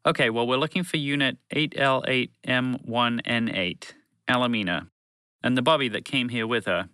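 A man voicing a calm, practical, polite moose in a children's story, measured and to the point. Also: medium pitch, clean tone, dry recording, close to an everyday voice.

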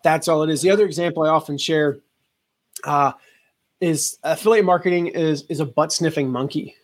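Lively storytelling man, somewhat high voice. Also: moderate pace. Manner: animated storyteller, acts out quoted voices. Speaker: guest, affiliate marketing entrepreneur. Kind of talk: casual interview storytelling.

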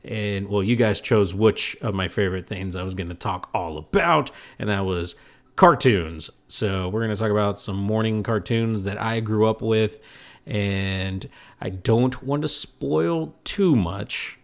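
A man's voice: fairly low pitch, unhurried, creaky. Rambling, self-mocking male podcast host. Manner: rambling, self-deprecating, laughs at own jokes. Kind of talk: casual solo podcast monologue.

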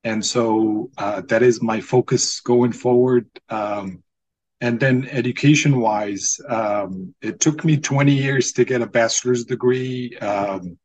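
A man in his forties from Morocco, a native Arabic speaker, introducing himself as a podcast guest in a measured way with frequent ums. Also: mid-range voice, darkish tone, slight background noise, poor audio. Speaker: podcast guest, former student. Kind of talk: casual interview.

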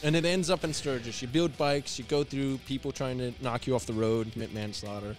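A man's voice: mid-range voice, steady tone, brisk. Man steering a podcast segment, faint music. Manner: explaining, guiding the segment. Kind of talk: casual chat.

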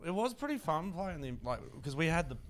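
A man's voice: on the high side, sing-song, a little fast, fairly bright tone, slight background noise. A man with an Australian accent chatting casually, telling stories in a slangy, blokey, rambling way. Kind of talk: casual banter and storytelling.

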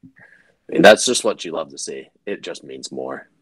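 A man co-hosting a podcast in casual sports chat, measured and analytical. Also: very deep voice, lively intonation, a crowd in the background. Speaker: podcast co-host.

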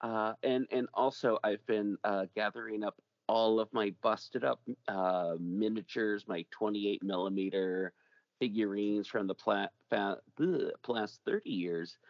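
A man with a gravelly voice hosting a casual chat show, rambling along with jokey asides. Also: fairly low pitch, measured pace, no room sound, muffled recording. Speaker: podcast host.

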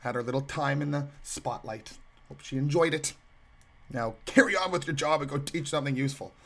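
A man's voice: medium pitch, a little fast, a bit bright. A man hosting a solo podcast, sarcastic and mocking, rambling with many restarts. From Canadian prairies. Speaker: podcast host.

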